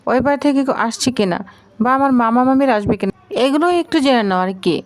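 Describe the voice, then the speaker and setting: A woman's voice: high-pitched, fast talker, lightly acted. A woman reading the lines of a cheeky young bride who banters with her husband in a lightly dismissive way. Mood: bantering.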